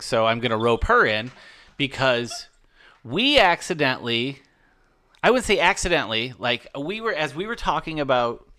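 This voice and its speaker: A man's voice: medium pitch, bright, forceful tone. A man hosting a podcast, telling a story in loose, casual chat with frequent swearing. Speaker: podcast host.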